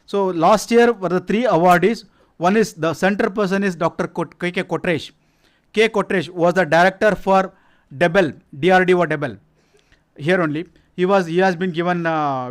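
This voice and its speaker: A man speaking English with a Kannada Indian accent, giving an informal presentation in a halting, self-correcting, repetitive way. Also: high voice. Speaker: science organisation representative presenting its activities.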